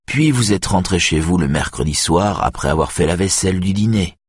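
A man voicing a calm male detective who lays out events step by step. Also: deep voice, husky, no room sound, studio quality, pitched above the performer's own voice. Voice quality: measured, methodical questioning.

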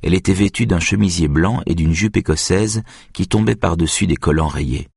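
Low husky male audiobook narrator. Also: no room sound, studio quality. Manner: even, measured reading.

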